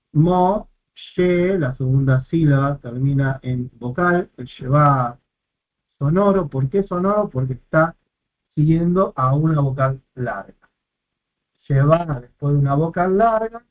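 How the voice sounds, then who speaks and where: A man teaching a lesson step by step, repeating and sounding out each syllable and correcting himself as he goes. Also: a little high. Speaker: Biblical Hebrew teacher. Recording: tinny phone-like audio.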